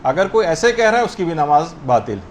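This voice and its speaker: High-voiced man teaching prayer rules. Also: sing-song, a little hiss or hum. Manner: explanatory, demonstrates pronunciations slowly. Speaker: religious teacher. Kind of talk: religious lesson on prayer rules.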